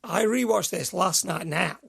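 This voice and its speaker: Gravelly, husky man chatting. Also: high-pitched, measured pace, a bit bright. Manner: chatty, rambling storyteller. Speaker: podcast co-host. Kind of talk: casual chat.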